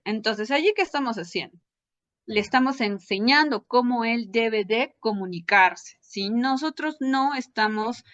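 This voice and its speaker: A psychology lecturer speaks in a medium-pitched, somewhat bright voice, building her academic explanation one step at a time. Short tag questions let her check in with the audience. The recording sounds dull and lo-fi.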